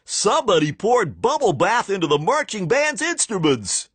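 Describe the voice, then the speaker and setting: A man playing a shouting bleacher fan. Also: high voice, big pitch swings, normal speed, husky, dry recording, voice pushed up, heavily acted. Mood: indignant. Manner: loud indignant exclaiming. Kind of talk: storybook reading.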